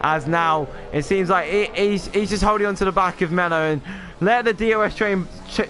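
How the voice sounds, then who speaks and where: A man's voice: sits high, a little fast, a bit bright, slight background noise. A man commentating a sim racing stream, rambling with lots of fillers and self-deprecating asides. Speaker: lead race commentator.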